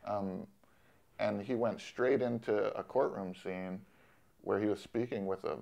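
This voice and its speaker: Low gravelly-voiced man, soft-spoken. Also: fairly even intonation, a little slow. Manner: soft-spoken, thoughtful, with many ums and restarts. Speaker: film director. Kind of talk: interview conversation. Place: studio in Los Angeles.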